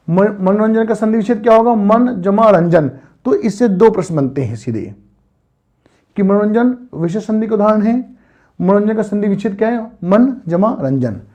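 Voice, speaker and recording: A man with a high-pitched, dark-toned voice teaches an online grammar lesson. He patiently and repetitively quizzes his students, asking and answering questions over and over.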